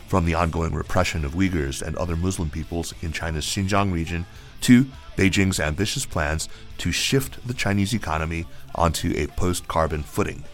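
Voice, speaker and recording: Deep-voiced male podcast host. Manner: relaxed, joking, with frequent restarts. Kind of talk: casual podcast conversation.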